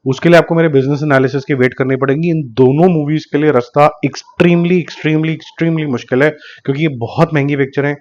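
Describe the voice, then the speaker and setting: A man with a sore, slightly hoarse throat gives casual commentary, reading out figures slowly and carefully and slipping English terms into his talk. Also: a little high, fairly even intonation, darkish tone. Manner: deliberately slow, careful delivery of figures. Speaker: box office analyst YouTuber. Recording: slightly dull lo-fi recording.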